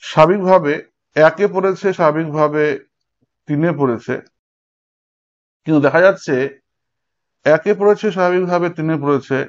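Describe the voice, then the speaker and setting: A man's voice: fairly high pitch, moderate pace, pauses often. A man teaching an exam-prep lecture, explaining step by step and speaking straight to his students. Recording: dull lo-fi recording.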